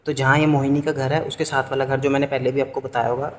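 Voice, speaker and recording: A man's voice: medium pitch, quick pace, slight background noise. A young man, telling a story in a casual vlog and checking in with his viewers again and again. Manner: chatty, animated retelling, often asks "ठीक है?". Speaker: vlogger. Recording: roomy with long reverb.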